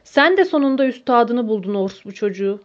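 A woman's voice: on the high side, lively intonation, brisk, natural voice. A woman reading the lines of a drunk, crude man who taunts people, in a coarse, mocking manner, in a dull lo-fi recording. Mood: coarse taunting.

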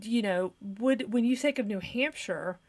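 A woman co-hosting a podcast, chatting casually and narrating a true crime case in a steady, measured way. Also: mid-range voice. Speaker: podcast co-host.

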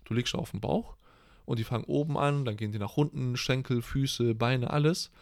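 A man's voice: medium pitch, normal speed, creaky, no echo, studio quality. Young man, loose rambling chat. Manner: loose, rambling, crude humor. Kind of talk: casual slangy chat.

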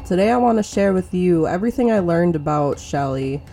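Woman doing true crime narrator thing for a podcast, soft dark tone, serious and measured. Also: lowish voice, lively intonation, vocal fry, faint music behind.

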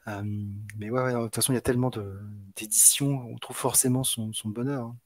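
A man talks over a video call in a relaxed, halting way, filling pauses and restarting his sentences. His voice sits at an ordinary middle pitch. The sound is close and dry, with no room around it. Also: no room sound. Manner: hesitant, many fillers and restarts. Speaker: podcast co-host. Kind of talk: casual online chat.

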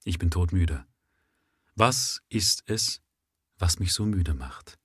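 A man voicing an exhausted young factory worker who speaks softly, calmly and without passion. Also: low voice, slow, husky, no room sound, studio quality, heavily acted. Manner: calm, soft and passionless.

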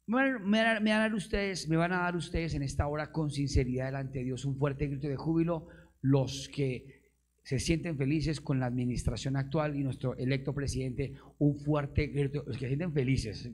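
A man preaching a live sermon, firing rhetorical questions at the congregation and joking with them. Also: a little high. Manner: call-and-response with the congregation, rhetorical questions, bursts of emphasis; playful, laughs with the audience. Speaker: pastor.

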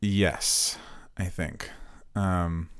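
A man's voice: sits low, steady tone, very slow, clean tone. A man co-hosting a podcast, chatting casually about songs in an easygoing, earnest way and laughing often. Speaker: podcast co-host. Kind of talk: casual music chat.

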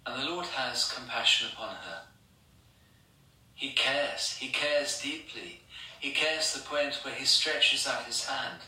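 A man with an English accent, a priest giving a sermon in measured, repeating rhetorical questions. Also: medium pitch, sharp tone. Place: church. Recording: echoey church from far off.

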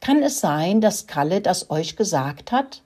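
A woman's voice: fairly low pitch, very animated, measured pace, darkish tone, breathy edge, full character voice. A woman voicing a young boy mouse in a children's story, asking careful questions. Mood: inquiring.

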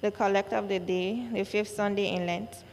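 A woman leading church worship, reciting prayers and creeds in a solemn, measured manner in a cathedral-like echo. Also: medium pitch, fairly even intonation, darkish tone. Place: large reverberant church. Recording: cathedral-like echo, long reverb, background noise.

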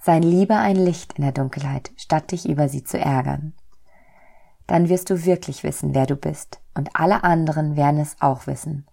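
A woman as a gentle, patient God. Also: deep voice, normal speed, vocal fry. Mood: calm. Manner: gentle, calm explaining. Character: kind, calm, patient God, fatherly. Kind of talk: storybook reading.

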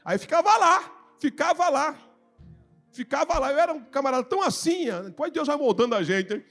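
Fervent high-voiced Brazilian preacher man. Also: lively intonation, a little fast, soft background music. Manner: fervent, shifts from storytelling to shouted exhortation. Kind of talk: Pentecostal sermon with testimony. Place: church service.

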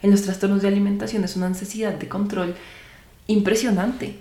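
A woman's voice: mid-range voice, level tone, a little fast, mellow, reverberant. A young woman hosting a podcast, talking earnestly to her listeners and asking them rhetorical questions. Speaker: podcast host. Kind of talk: reflective podcast monologue.

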